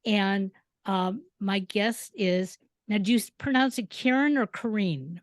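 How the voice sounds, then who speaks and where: A woman's voice: mid-range voice, a little slow, no echo. Woman host, casual interviewer, rambling delivery, dry close sound. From Detroit, Michigan. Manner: conversational, rambling with fillers. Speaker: podcast host.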